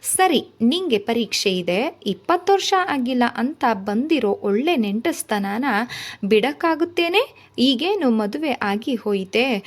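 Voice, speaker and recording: A woman reading aloud voices a brisk, practical middle-aged mother who scolds her daughter for crying. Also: fairly high pitch. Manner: chiding, dismissive of tears.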